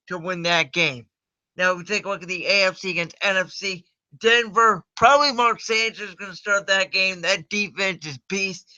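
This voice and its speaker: A host from Cleveland in the United States runs a livestream of sports predictions, chatting casually and confidently. His voice is high, bright and forceful, picked up on a home computer mic that cuts off the highs.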